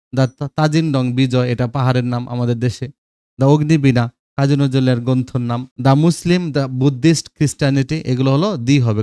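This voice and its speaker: Fast-talking male grammar teacher. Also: medium pitch, mellow, clean tone, dry recording, clean studio sound. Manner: addresses students directly, checks with "okay?"; spells out English examples slowly. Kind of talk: grammar lesson.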